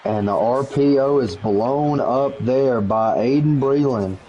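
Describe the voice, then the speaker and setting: A man calling play-by-play for a video game league, quick and jokey, rising to shouts on big plays. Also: medium pitch, dull audio, crowd noise. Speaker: play-by-play commentator.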